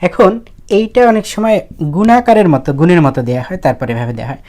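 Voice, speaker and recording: A woman's voice: on the low side, a little fast, mellow. A woman teaching how to write characters, explaining casually and thinking aloud as she goes. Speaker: language teacher.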